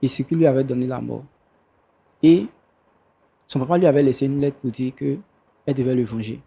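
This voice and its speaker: A man telling a confession as a guest on a talk show, slow and halting. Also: medium pitch, creaky, warm tone, husky. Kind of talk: confessional storytelling.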